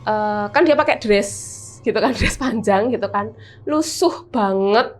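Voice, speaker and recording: A woman with a Javanese accent, a guest telling her own horror experience in casual chat, animated and vivid with lots of fillers. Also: mid-range voice, unhurried. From Semarang, Central Java, Indonesia.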